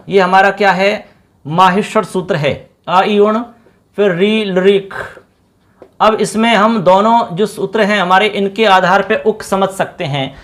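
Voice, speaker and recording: A male teacher explaining a lesson to students, repeating each word and quizzing them as he goes. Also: high voice. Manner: repeats words, quizzes the class; sings a line of a song.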